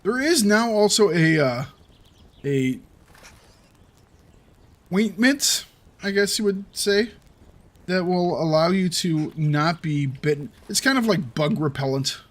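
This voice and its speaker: A man's voice: high voice, animated, slow pace, pauses often. A young adult man giving playful let's play commentary, taunting the animals in his game. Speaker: gaming video host.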